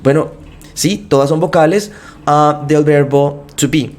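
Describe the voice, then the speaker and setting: A man, explaining English grammar step by step and slowly drawing out each English example phrase. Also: a little high, fairly even intonation, a little mellow. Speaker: English teacher. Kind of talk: bilingual grammar lesson.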